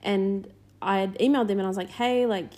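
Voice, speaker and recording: A woman's voice: medium pitch, steady tone, a little fast, darkish tone. A young woman co-hosting a casual podcast, chatty and laughing, recorded muffled under a blanket at home. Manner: chatty, laughs often, trails off. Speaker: podcast co-host. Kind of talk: casual chat.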